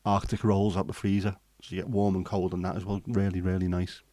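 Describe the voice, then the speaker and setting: This English man talks a little fast in a low-pitched, mellow voice with a level tone. He's a livestream host chatting casually and answering live comments, rambling with lots of ums and restarts.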